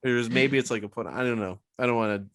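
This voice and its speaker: A man's voice: medium pitch, fast talker, fairly bright tone, no room sound, studio quality. A man co-hosting a podcast, chatting casually, joking and laughing often. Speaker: podcast co-host. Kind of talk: casual chat.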